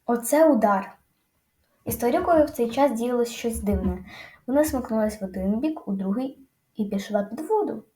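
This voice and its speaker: Woman reading a lively storybook, echoey. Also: fairly high pitch, a little fast. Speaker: audiobook narrator. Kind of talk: expressive audiobook narration.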